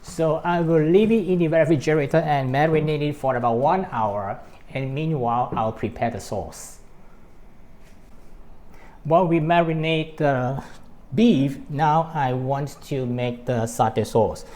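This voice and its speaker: With a fairly high, a little mellow voice and a slightly slow pace, a cooking show host demonstrates a recipe to camera, explaining step by step. He has a Malaysian accent, having been born in Hong Kong and raised in Malaysia.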